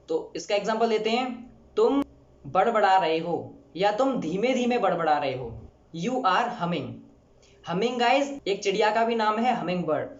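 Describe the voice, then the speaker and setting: A male English teacher giving a vocabulary lesson, slowly and deliberately repeating each English example. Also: sits high. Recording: roomy, dull lo-fi recording.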